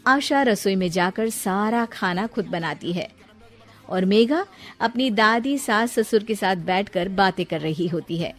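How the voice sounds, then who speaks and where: A woman narrating a children's cartoon story in clear, even storytelling. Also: mid-range voice, measured pace.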